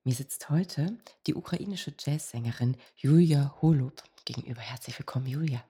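A woman hosting a cultural podcast, introducing and questioning her guest in a measured way. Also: very deep voice, dark tone, husky. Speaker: podcast host.

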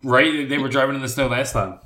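A man's voice: mid-range voice, brisk, pushed and bright. A man hosting a podcast in casual chat, his audio echoing in an untreated room. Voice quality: echoey sound. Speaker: podcast host. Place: new home studio still being set up.

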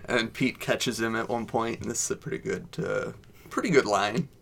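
A man co-hosting a casual episode recap chat in a halting, understated way. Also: mid-range voice, steady tone, creaky, a bit bright. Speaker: podcast co-host.

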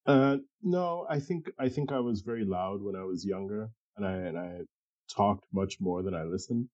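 This thoughtful interview guest is a middle-aged man whose fairly low voice is very mellow and husky, and he delivers it in an animated way. His casual, reflective talk comes out haltingly, with repeated words as he sorts through his ideas. The audio is close, dry and echo-free, if slightly dull.

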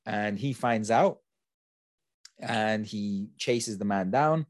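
A man's voice: lowish voice, slow pace, dry recording, clean studio sound. A young man, hosting a podcast in casual, slangy chat. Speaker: podcast host.

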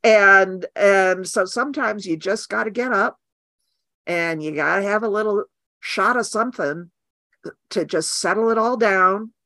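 A woman's voice: medium pitch, pushed and bright, no room sound. A woman artist as a guest in a casual interview, frank and wry. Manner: frank, wry, quick to agree.

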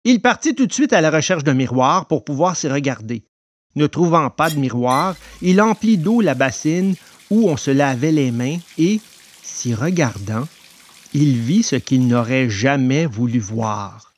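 A man narrating a storybook in an expressive telling voice. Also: medium pitch, a little slow.

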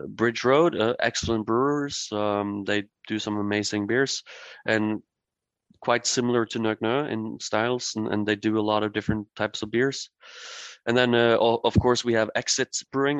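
A man from Norway, a brewery guest in a podcast interview, speaking haltingly with many fillers and restarts. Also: fairly low pitch, steady tone, no room sound, lo-fi sound.

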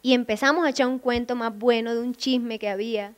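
A woman's voice: on the high side, fairly even intonation, fairly quick. A young woman with a Colombian Caribbean coast accent, telling stories in conversation, laughing often and acting out voices. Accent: Colombian Caribbean coast (Córdoba). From Córdoba, Colombia. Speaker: singer, guest. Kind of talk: lively conversational storytelling.

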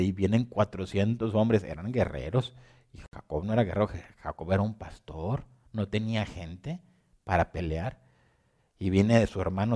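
A man with a lowish voice preaches a sermon, reading scripture aloud. He repeats phrases and swings between quiet and loud passages.

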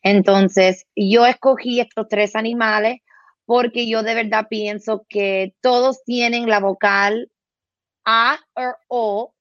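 A woman's voice: fairly high pitch, steady tone, slow pace, no echo, highs cut off. A woman speech therapist explaining simple activities, slipping English words into her Spanish and imitating animal sounds. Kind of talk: explaining to a host.

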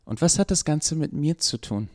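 A man's voice: a little high, lively intonation, normal speed, a little mellow, pitched above the performer's own voice. A man voicing a curious, blunt young woman in hospital who asks direct, puzzled questions.

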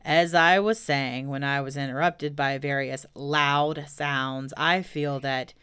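A woman's voice: deep voice, unhurried, fairly bright tone, clean tone, dry recording, studio quality. A woman voicing a gloomy, self-important male donkey in a children's storybook, grumbling through ponderous speeches. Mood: stern, pompous.

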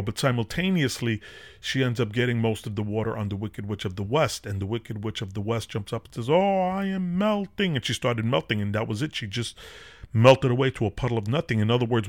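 A podcast host with a lowish voice retells a film casually and pulls spiritual lessons from it. His delivery is loose and rambling, full of fillers and restarts.

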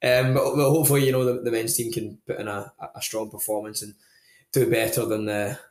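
A man's voice: lowish voice, little pitch movement, a little fast, darkish tone. A young adult Scottish man hosting a sports podcast, chatting and reporting casually with a hesitant, dryly teasing delivery. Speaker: podcast host. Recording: echoey, roomy sound.

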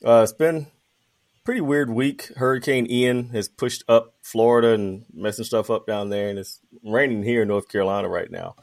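A man with a mid-pitched voice hosts a podcast. He talks casually and informally, with plenty of slang and friendly filler address. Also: steady tone, moderate pace, a little mellow. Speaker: podcast host. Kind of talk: casual chat.

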